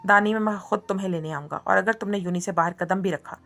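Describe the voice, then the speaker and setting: A woman voicing a domineering young man who gives calm orders and teases in a read-aloud story. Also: medium pitch, quick pace, soft background music, close to an everyday voice. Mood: commanding.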